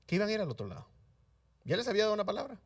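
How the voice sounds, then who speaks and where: A male pastor preaching a sermon, swinging between loud emphatic lines and hushed soft ones, and asking the congregation questions that he then answers himself. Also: high voice, very animated, racing, distant mic. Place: church sanctuary.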